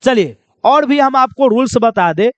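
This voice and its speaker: A man's voice: extremely high pitch, animated, measured pace, no echo, lo-fi sound. A man teaching pronunciation rules in a classroom-style lesson, constantly quizzing his listeners with repeated questions and calling them children. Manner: drills with repeated quiz questions; addresses viewers as children.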